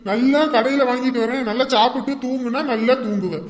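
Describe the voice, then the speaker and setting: A woman's voice: a little high, fairly even intonation, fairly quick. A woman in a comic family skit, easygoing and teasing. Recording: echoey room with long reverb.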